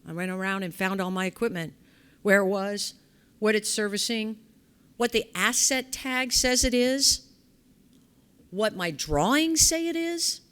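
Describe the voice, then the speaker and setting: A woman's voice: medium pitch, a little slow, long pauses, a bit bright, smooth. Middle-aged lady presenting at a conference, chatty, keeps asking the room "right?", acts out little quotes. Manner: conversational, asks the audience rhetorical questions, acts out quoted speech. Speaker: conference presenter on facility assessment. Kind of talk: lively conference talk.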